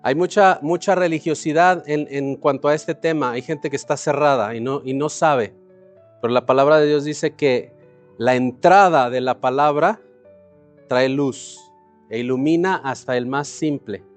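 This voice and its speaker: A man with a high, light voice preaches a little slowly, explaining scripture, asking the congregation questions and answering them himself. He also calls on them to repeat phrases, while soft music plays faintly behind him.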